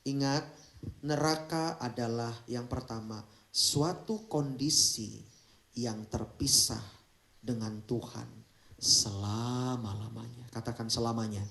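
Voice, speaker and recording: A man preaching an animated, humorous Sunday sermon, jumping between loud exclamations and hushed asides. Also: medium pitch, takes it slowly, vocal fry. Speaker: pastor. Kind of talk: lively Pentecostal sermon. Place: large church hall. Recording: echoey church hall.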